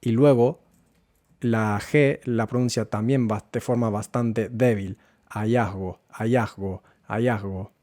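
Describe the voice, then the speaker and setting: A man's voice: mid-range voice, fairly even intonation, warm tone, dry recording. Patient man teaching Spanish, dry sound. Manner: slow, repeats words for learners. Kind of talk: language lesson.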